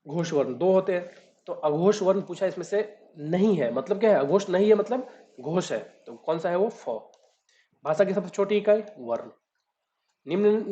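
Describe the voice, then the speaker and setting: A man's voice: a little high, mellow. A man tutoring, reading out each exam question and then explaining the answer step by step. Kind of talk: exam solution walkthrough. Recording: dull lo-fi recording.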